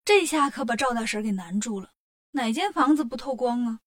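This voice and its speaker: A woman narrating a children's story in a lively, colloquial storytelling manner. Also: fairly high pitch, fairly quick.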